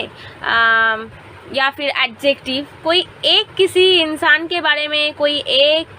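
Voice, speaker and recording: High bright teacher voice. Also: female voice, slight background noise. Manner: mixes Hindi and English, repeats "theek hai" as a check. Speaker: English teacher. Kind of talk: classroom lesson explaining grammar.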